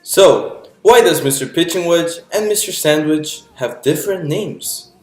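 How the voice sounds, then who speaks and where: With a fairly high, slightly mellow voice, a man reads a picture book aloud in an animated way at a measured pace. His narration explains things, raising questions for listeners and supplying the answers. The room echoes, and music sits behind him.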